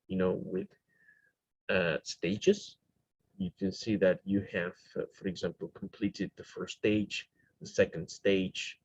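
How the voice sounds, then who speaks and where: A man's voice: sits low, slightly rough, no room sound, dull audio. A man teaching English grammar, explaining with many fillers and restarts and checking in with "right?".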